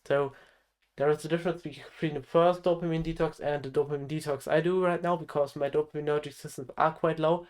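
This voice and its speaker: A man's voice: a little high, steady tone, brisk, darkish tone. A nineteen-year-old man, a health coach, talking straight to camera in an earnest motivational vlog. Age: teens. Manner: earnest, direct advice to the viewer.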